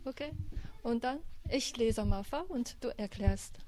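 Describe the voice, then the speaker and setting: A woman's voice: on the high side, measured pace, mellow, slight background noise. A woman in her twenties from China, a student and workshop tutor, speaking careful, slightly broken German with a Chinese accent. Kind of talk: interview answers.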